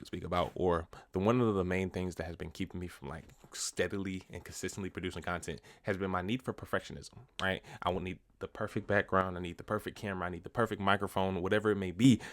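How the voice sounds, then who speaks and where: A young man talking casually to camera at home in a vlog, a little out of breath, with a relaxed, slangy, rambling delivery. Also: low voice, no room sound, studio quality. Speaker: vlogger. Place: indoors at home.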